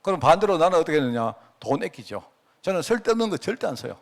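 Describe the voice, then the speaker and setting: A middle-aged Korean pastor with a Gyeongsang accent gives a sermon in a chatty, homespun style. He keeps turning to his listeners for agreement. His fairly high voice swings widely up and down. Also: big pitch swings, fast, vocal fry. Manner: conversational, folksy, asks the congregation for agreement.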